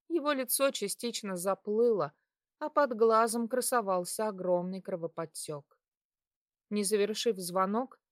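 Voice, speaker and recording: A woman reading a first-person story aloud in a measured, steady way. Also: a little high, no room sound, clean studio sound. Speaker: audiobook reader. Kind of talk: first-person scripted narration.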